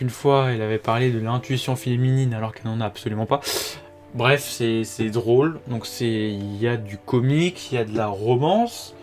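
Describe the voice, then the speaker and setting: A young man talks through his anime picks in loose, slangy speech, full of filler words and the odd curse, dropping into a flatter reading voice for the plot summaries. His pitch sits in an ordinary middle range. Soft music plays quietly underneath. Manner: informal and slangy, many fillers, occasional swearing; reads synopses aloud in a flatter voice. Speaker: anime reviewer. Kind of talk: casual video commentary.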